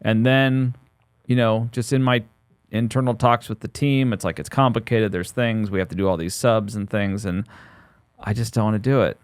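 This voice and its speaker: A man in his forties talks through a casual podcast chat in a rambling, jokey way, often restarting his sentences. His voice sits somewhat low, and the recording is dry and close with no room sound. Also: steady tone, moderate pace, clear, resonant tone, dry recording. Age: 40s. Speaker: podcast co-host.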